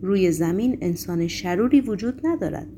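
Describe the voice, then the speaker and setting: A calm, earnest male prisoner answers his judge gently and without fear, read by a woman narrator. The voice is low-pitched and plain. It sounds like an audiobook reading. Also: a little hiss or hum, lightly acted.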